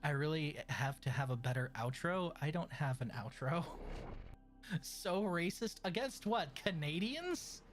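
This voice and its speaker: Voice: medium pitch, expressive, a little slow, faint music behind. A streamer chatting casually while gaming, teasing and swearing playfully. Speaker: streamer and host. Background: video game sounds.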